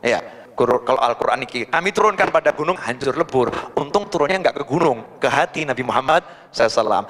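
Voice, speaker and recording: A man giving a sermon and telling stories, animated, jumping from loud shouted peaks down to low quiet murmurs. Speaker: preacher. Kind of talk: sermon with storytelling. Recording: long hall reverb.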